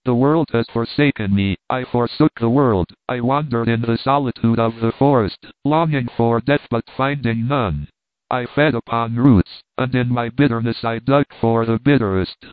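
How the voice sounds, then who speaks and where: A man's voice: mid-range voice, dry recording, close to an everyday voice. A man voicing a poetic, lovesick young man who speaks in grand, theatrical declarations in a storybook reading. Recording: dry, tinny phone-like sound.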